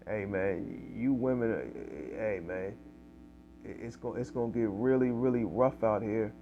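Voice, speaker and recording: A man's voice: fairly low pitch, slow, lo-fi sound, slight background noise. A man preaching in casual street style, reading scripture aloud and tagging lines with "okay?" and "man". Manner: fills with "man" and "okay?", reads verses louder.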